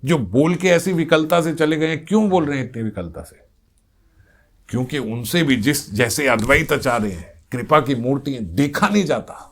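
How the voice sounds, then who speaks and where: A man's voice: medium pitch, normal speed. A man giving a devotional discourse, speaking earnestly and repeating phrases for stress, now and then acting out little everyday scenes. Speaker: spiritual speaker.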